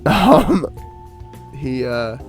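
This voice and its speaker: A man co-hosting a podcast in casual chat, excited and rambling with many fillers and restarts. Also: mid-range voice, very slow, gravelly, husky, faint music behind. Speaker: podcast co-host.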